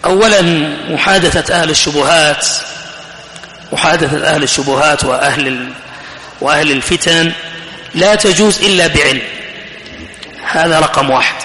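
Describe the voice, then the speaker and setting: A man's voice: fairly high pitch, fairly quick, pauses often, sharp tone, a little hiss or hum. A man preaching a sermon to an audience, emphatic and repeating his phrases, rising sharply when he exhorts. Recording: echoey hall, faint ambience.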